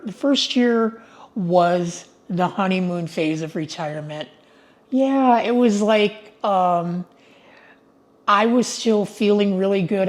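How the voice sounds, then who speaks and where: An older woman in retirement chatting casually to her viewers from her home, upbeat and prone to digressions. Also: fairly low pitch. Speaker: retiree vlogger. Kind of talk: casual vlog monologue.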